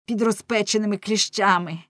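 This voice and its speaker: A woman's voice: medium pitch, steady tone, moderate pace, no room sound, clean studio sound, lightly acted. Furious vengeful mother, as a woman voices her. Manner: loud, shouting fury.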